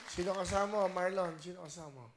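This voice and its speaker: A man's voice: high voice, steady tone, fast, a faint crowd, a little hiss or hum. A man hosting a game show in casual, playful banter, teasing his guests and laughing often.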